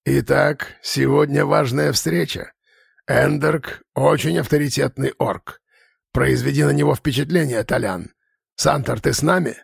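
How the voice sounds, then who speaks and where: Male narrator doing a grumbling orc shaman, gravelly and hoarse-edged, bossy. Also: mid-range voice, fairly even intonation, measured pace, dry recording, clean studio sound, exaggerated voice. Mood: stern. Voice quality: gravelly, husky. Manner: grumbling, commanding. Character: gruff old male orc shaman, stern. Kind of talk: audiobook character voice.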